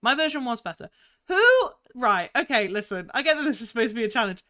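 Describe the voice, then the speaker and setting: A woman streamer chatting live with her viewers in a bubbly, giggly, excitable way while playing games. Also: on the high side, very fast. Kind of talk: live gaming stream chat.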